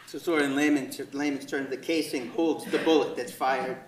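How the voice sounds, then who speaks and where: A man's voice: mid-range voice, steady tone, moderate pace. Echoey, distant man questioning a witness. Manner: methodical, formal questioning. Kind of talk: courtroom direct examination. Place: indoor courtroom. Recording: echoey courtroom, distant microphone.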